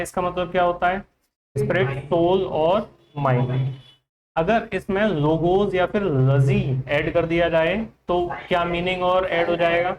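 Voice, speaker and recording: A man with an Indian accent teaching an English vocabulary class in Hindi, quizzing his students with repeated questions. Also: high voice. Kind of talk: classroom lesson.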